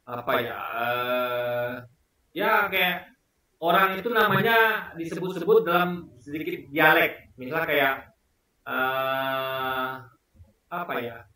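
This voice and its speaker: A man's voice: on the high side, slow pace, long pauses, pushed and bright, heavy reverb, distant mic. A man talking casually as a video commentator, rambling and repeating words while he searches for examples. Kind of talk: casual commentary on a debate clip.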